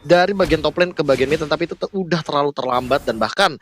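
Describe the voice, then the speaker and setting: A man's voice: a little high, fast, a bit bright, slight background noise. A man with an Indonesian accent giving emphatic live esports analysis, repeating his key phrases.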